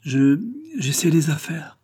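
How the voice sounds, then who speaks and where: A man voicing a shy young woman in an audiobook, speaking softly and hesitantly. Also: medium pitch, brisk, husky, natural voice.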